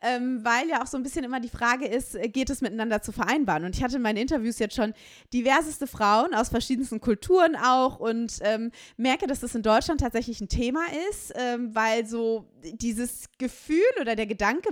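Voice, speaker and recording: Higher-voiced woman hosting a podcast. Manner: friendly, rambling questions with many fillers. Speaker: podcast host. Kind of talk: casual interview talk.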